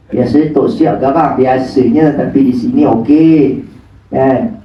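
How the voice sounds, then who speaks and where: A man's voice: medium pitch, fairly even intonation, a little slow, a little hiss or hum. Male preacher in an echoey hall. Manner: joking, teasing, rhetorical questions. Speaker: religious preacher. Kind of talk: humorous religious lecture. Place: prayer hall of a surau. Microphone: phone camera at a distance. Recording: echoey hall from far off, dull phone audio.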